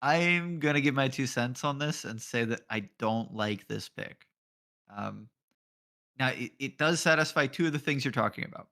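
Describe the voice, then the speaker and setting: A man's voice: mid-range voice, normal speed, vocal fry, sharp tone. A man giving casual live commentary on an esports draft as a color caster. He jokes, laughs often and swears offhandedly.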